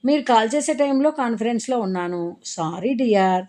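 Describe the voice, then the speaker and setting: A woman's voice: medium pitch, animated, normal speed, a little mellow, voice pushed up, natural voice. A woman reading a Telugu audiobook story, voicing an apologetic, affectionate young man who soothes his crying girlfriend. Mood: apologetic, tender. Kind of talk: audiobook character voice.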